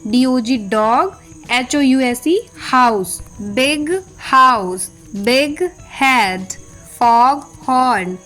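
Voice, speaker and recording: This is an Indian woman teaching English pronunciation, with a slightly high voice. She speaks very slowly and deliberately, spelling out each word letter by letter. Faint music plays softly underneath her. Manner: slow, deliberate spelling-out of words. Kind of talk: Hindi-English language lesson.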